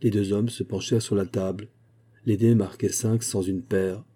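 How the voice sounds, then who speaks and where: Husky low-voiced male audiobook narrator. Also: little pitch movement, moderate pace, warm tone. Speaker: audiobook reader.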